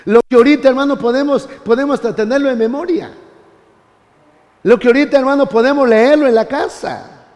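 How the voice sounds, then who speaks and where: A man teaching a church Bible class, animated, often turning to his listeners as brother. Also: extremely high pitch, fairly quick, long reverb tail.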